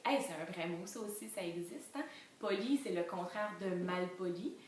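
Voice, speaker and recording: A woman with a Quebec French accent, reading a storybook aloud to toddlers in an animated way and spelling out syllables slowly. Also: on the low side. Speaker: children's reading educator. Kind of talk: enriched read-aloud lesson for toddlers. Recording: very echoey room, distant mic, faint noise.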